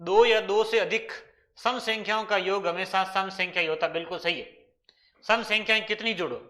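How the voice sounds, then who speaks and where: Rajasthani guy teaching exam maths, high bright voice, keeps asking himself questions and answering them. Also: fairly even intonation, normal speed. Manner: talks through problems step by step, asking and answering his own questions. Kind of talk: exam-prep lesson.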